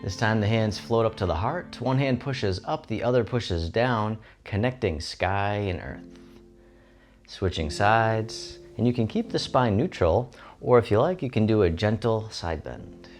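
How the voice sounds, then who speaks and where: A man giving serene, gentle tai chi instruction in short, soothing guided movement cues. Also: fairly low pitch, animated, a little slow. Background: instrumental music.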